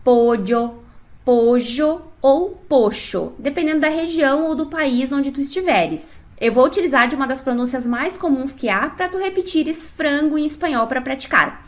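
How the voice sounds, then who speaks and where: A woman with a notably high voice teaches an online language lesson. Her delivery is clear and instructive. She addresses the learner directly as she walks through each point. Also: brisk, few pauses, fairly bright tone. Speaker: Spanish teacher.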